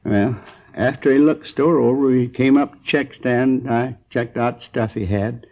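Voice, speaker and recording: On a dull 1950s crime drama recording, a gravelly American storekeeper in his sixties, injured and drowsy, rambles in a halting, folksy, earnest way. His medium-pitched voice stays steady, and he sounds groggy, hazy and in pain.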